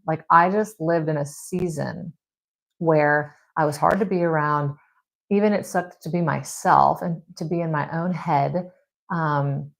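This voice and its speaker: A woman hosting a Bible study, reading scripture and then reflecting on it in a chatty, conversational way. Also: low voice. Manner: conversational and reflective, with frequent "like" and "you know"; reads scripture, then comments in her own words. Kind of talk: casual devotional teaching.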